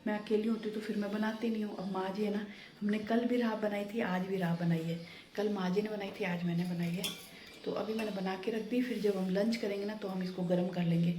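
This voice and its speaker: A woman's voice: mid-range voice, mellow. A woman chatting casually through her home vlog, narrating her chores as she works in her kitchen and living room. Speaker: home vlogger. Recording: echoey room with faint background hum.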